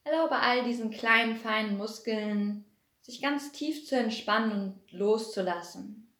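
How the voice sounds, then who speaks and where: A woman guiding a relaxation meditation, speaking in a soothing way and slowly counting down to deepen the relaxation. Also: a bit bright, echoey room. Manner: slow, soothing, repetitive counting down. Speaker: meditation guide. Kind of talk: guided hypnosis meditation.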